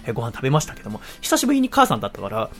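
A man's voice: mid-range voice, huge pitch swings, rapid-fire, faint music behind. A man in his twenties hosting a casual radio show, rambling through stories and laughing often. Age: 20s.

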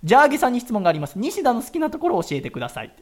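A man's voice: very high-pitched, huge pitch swings. A man hosting a radio show, reading listener mail and teasing his co-hosts in casual chat. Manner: teasing, jokey, fast-talking.

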